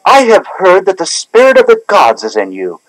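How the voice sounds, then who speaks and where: A man's voice: sits high, wildly swooping pitch, normal speed, soft background music, poor audio. An actor playing a foolish, fearful young king on a storybook record, with a proclaiming, theatrical delivery. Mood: commanding. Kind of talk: 1970s storybook record drama.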